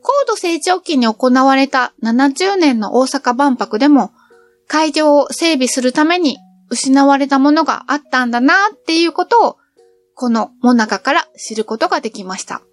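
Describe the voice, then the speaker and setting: A middle-aged woman tells of her travels in a cheerful, chatty way. Her voice sits high and moves in lively, animated swoops. Faint music plays under the narration. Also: normal speed, no room sound. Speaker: travel vlogger.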